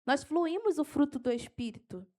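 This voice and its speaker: A high-pitched woman teaches evangelism to a church group. She speaks with fervent energy, pushing her voice upward when she gets excited, then slowing down deliberately so listeners can note down verses. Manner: animated, gets carried away, then slows down to dictate verses. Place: church hall.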